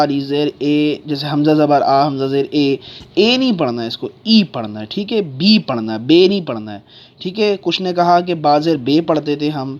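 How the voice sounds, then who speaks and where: A man giving an online Qur'an reading lesson who keeps checking in with his listeners and draws out letter sounds slowly. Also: a little high.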